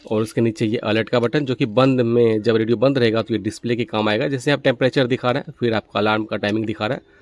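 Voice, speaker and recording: A man with a medium-pitched, slightly mellow voice hosts a gadget review. His explanatory walkthrough of the product proceeds methodically, one step at a time.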